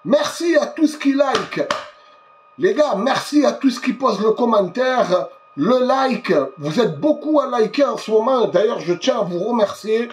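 A man's voice: extremely high pitch, lively intonation, unhurried. A worked-up man ranting through a football match debrief, swearing and calling his viewers brothers. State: tense, worked up. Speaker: football fan vlogger.

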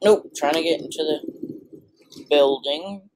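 Slow-talking teen boy with cracking voice. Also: fairly high pitch. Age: teens. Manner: excitable, blurting reactions. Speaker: gameplay commentator. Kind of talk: casual gameplay commentary. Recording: noisy, with mouse clicks.

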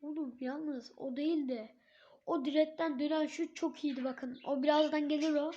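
A hoarse woman giving live gameplay commentary, swearing and yelling at the referee in frustration. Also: high voice, fairly even intonation, normal speed. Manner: shouts at the referee, curses and rants in frustration. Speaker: gamer. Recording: dull lo-fi recording.

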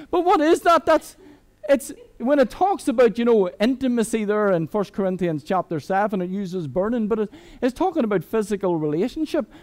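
A high-voiced Irish man in middle age preaching a sermon. He talks to the congregation like friends, mixes jokes into the message and restarts his sentences often. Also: animated, normal speed. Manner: conversational and humorous, with many restarts. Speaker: guest preacher.

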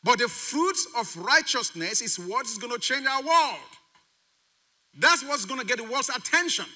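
A man preaching with a high, very bright, piercing voice. His pitch leaps up and down as he drives home repeated phrases and fires questions at the congregation. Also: lively intonation, normal speed. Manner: emphatic preaching with call-and-response questions to the congregation; repeats key phrases for emphasis. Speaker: pastor. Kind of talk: sermon.

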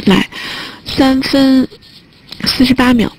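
A woman's voice: high voice, slow pace, slight background noise, rough recording. A woman teaching a test prep listening class online, chatting and joking as she types notes on a whiteboard. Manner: chatty, joking aside while typing on a whiteboard.

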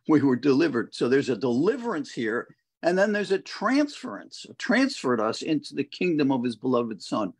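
A man co-hosting a conversational Bible study over a video call, reflecting slowly and reading scripture verses aloud. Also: mid-range voice, very animated, breathy edge.

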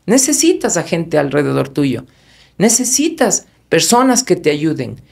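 Un hombre invitado en un podcast, que habla con pasión y énfasis y suelta groserías a menudo. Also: male voice, on the high side, very animated, a little slow, creaky, slightly rough. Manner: passionate, emphatic, swears often. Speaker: podcast guest. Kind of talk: emotional podcast conversation.

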